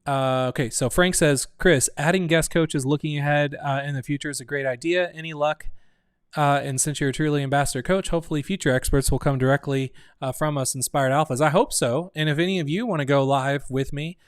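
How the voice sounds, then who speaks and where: A man's voice: a little high, fairly even intonation, brisk, smooth, no room sound, clean studio sound. A man hosting a casual live stream for his online community, rambling and thinking aloud, often restarting his sentences. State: hiccuping. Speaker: community host.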